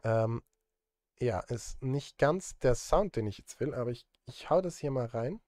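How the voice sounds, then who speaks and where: Chatting casually while he composes on a live stream, a Swiss film composer makes self-deprecating, joking asides from his indoor setup. He speaks in a medium-pitched, darkish voice that is expressive and unhurried.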